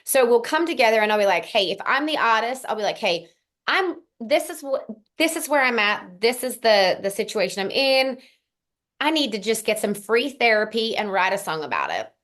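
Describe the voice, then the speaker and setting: With a fairly high, bright voice and a very animated delivery at a moderate pace, a young singer-songwriter chats as an interview guest. She has a blended Australian-American accent, says um often, and gives long, rambling answers in this casual conversation.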